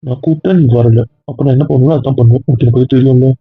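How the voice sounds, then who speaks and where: A man's voice: mid-range voice, steady tone, husky, no room sound. A man playing a possessive, jealous young husband in an amateur audio drama, pleading one moment and stubborn the next. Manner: pleading then stubborn, quick-talking. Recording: dry, tinny phone-like lo-fi audio.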